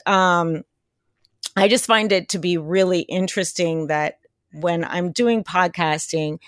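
A woman hosting a podcast in a loose, chatty way, encouraging her guest and turning often to her listeners. Her voice sits a little low, and the recording is dry and close. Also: no room sound. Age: older than her guest. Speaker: podcast host. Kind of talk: casual interview chat.

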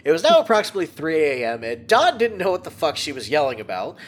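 A man's voice: on the high side, huge pitch swings, fast, breathy edge. A man co-hosting a podcast, narrating a story in casual chat with dry asides.

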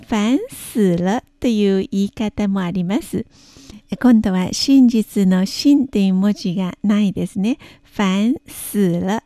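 Slow, mellow woman teaching a language. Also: mid-range voice, no echo. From Taiwan. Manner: slow, careful explanations with drawn-out example phrases. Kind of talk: radio language lesson.

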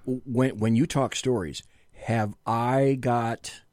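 A man's voice: medium pitch, steady tone, slow, darkish tone, no room sound. A man co-hosting a political talk show in a small studio, chatting casually in a self-deprecating way that rambles with restarts.

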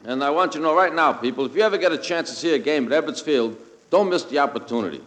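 A man's voice: on the high side, animated, quick pace, fairly bright tone. A man with a Brooklyn accent doing a brash, wisecracking comic monologue on an old, echoey radio broadcast with a studio audience. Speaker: comedian.

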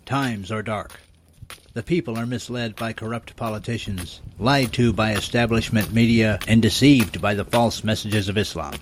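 A man's voice: on the low side, normal speed, slight background noise. A man reading a scripted, dramatic radio promo in a solemn manner. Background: prominent music.

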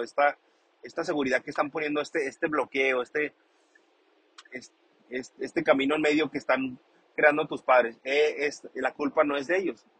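A man calmly explains the meaning of a song's lyrics, often rephrasing and repeating himself as he thinks aloud. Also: on the high side, slightly rough, rough recording. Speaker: song commentator. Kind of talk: casual explanatory commentary.

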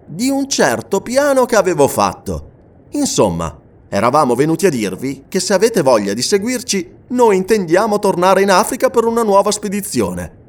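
A man doing a hearty, higher-voiced English gentleman. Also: huge pitch swings, moderate pace. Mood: earnest. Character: hearty adventurous English gentleman, restless bachelor. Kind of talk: audiobook character reading.

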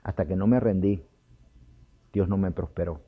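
A man with a fairly low voice delivers a fervent religious testimony, turning again and again to the listener as his brother and urging him on. The recording sounds muffled and lo-fi. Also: fairly even intonation, normal speed, slightly rough. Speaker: preacher giving a personal testimony. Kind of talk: emotional testimony and exhortation. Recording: dull lo-fi recording.

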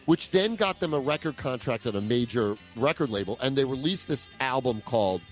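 Podcast co-host: man, casual trivia storyteller, animated delivery. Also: medium pitch, fairly quick, faint music behind. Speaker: co-host of a music countdown podcast. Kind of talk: casual chat.

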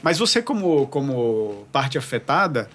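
A man's voice: medium pitch, big pitch swings, unhurried, fairly bright tone. A man in casual podcast conversation, hesitant and full of fillers and tag questions as he thinks aloud.

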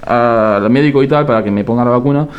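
A man's voice: medium pitch, fast talker, muffled recording. A young man co-hosting a podcast, rambling and hesitant in casual chat. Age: young adult. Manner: rambling, hesitant, laughs along. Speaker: podcast co-host.

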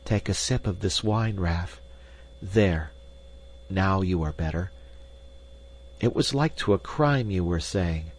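A man reading aloud, voicing a worried, caring wife in a raised, gentle voice. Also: takes it slowly, pauses often, poor audio. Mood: pleading. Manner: gentle, pleading, higher voice. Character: anxious caring Dutch wife, middle-aged. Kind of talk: audiobook character voice.

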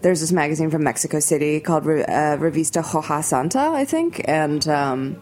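A woman guest on a radio show, chatting casually and quickly about the food events she co-organizes. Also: low-pitched, expressive, a little mellow. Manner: quick, chatty, many fillers.

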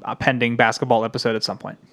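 A man's voice: medium pitch, level tone, fast talker, fairly bright tone. Easygoing male podcast co-host. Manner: easygoing, agreeable. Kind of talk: casual chat.

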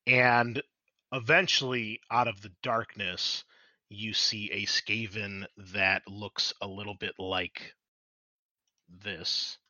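A man's voice: on the low side, steady tone, takes it slowly, pushed and bright, no room sound. A man narrating scenes as game master in a descriptive, rambling way. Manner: descriptive, with frequent fillers and restarts.

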